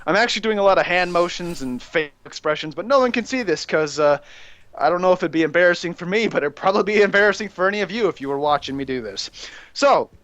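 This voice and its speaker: A young man hosting a rambling, excitable gaming rant that breaks into shouting while he plays. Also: sits high, fast, dry recording. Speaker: gaming channel host ranting.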